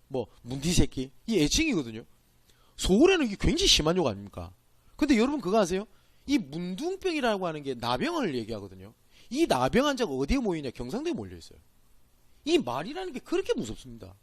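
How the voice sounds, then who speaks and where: A man's voice: high voice, dry recording. A man with a Gyeongsang accent, a pastor giving a church training lecture, emphatic and asking and answering his own questions. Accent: Gyeongsang Korean. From Gyeongsang Province, Korea.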